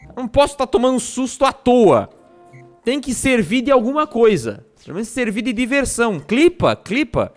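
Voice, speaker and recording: Live-streaming a game, a young Brazilian man gives running commentary in Brazilian Portuguese, shrieking and cursing when startled and laughing frequently. His voice is very high-pitched and sing-song, a little fast. Faint music plays behind him.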